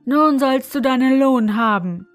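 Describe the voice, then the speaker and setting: A towering male spirit, put on by a woman reading a fairy tale, speaks with booming, haughty force. His voice sits high and loud. The storybook telling has faint music behind it. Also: a little slow. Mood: coaxing. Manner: booming and haughty, later pleading. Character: huge proud male spirit trapped in bottle.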